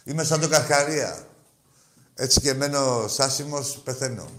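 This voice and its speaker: A man hosting a sports call-in radio show, mocking and insulting his callers, swinging between loud outbursts and muttered asides. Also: mid-range voice, a little hiss or hum. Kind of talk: rowdy call-in radio banter.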